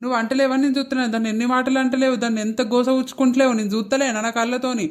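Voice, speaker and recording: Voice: sits high, level tone, rapid-fire, lightly acted. A performer voicing a hot-tempered young grandson with a Telangana accent who scolds bluntly in a cartoon comedy. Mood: angry. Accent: Telangana Telugu.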